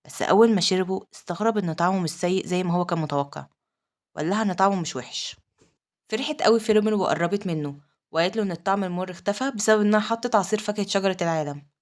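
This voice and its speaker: Speaking in a mid-range voice with an Egyptian Arabic accent, a woman narrates a manhwa recap. She tells the story quickly and reads quoted lines plainly.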